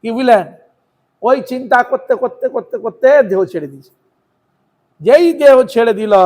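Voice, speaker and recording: A man's voice: very high-pitched, a little mellow. A man who preaches by telling a devotional story, acting out its dialogue, and closes by chanting. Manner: acts out dialogue in his story, ends with chanting. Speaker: Vaishnava preacher.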